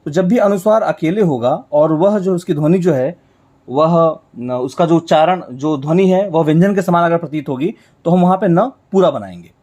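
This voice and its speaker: A man's voice: a little high, mellow. Man teaching, repeating each step. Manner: explains slowly, repeating each stroke; asks and answers his own questions. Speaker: shorthand teacher. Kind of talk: step-by-step whiteboard lesson.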